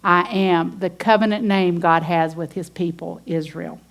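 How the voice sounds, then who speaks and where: A woman's voice: lowish voice, steady tone, measured pace, vocal fry. Woman, preaching, earnest, emphatic. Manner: earnest, emphatic, reads scripture aloud. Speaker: women's ministry teacher. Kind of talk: sermon.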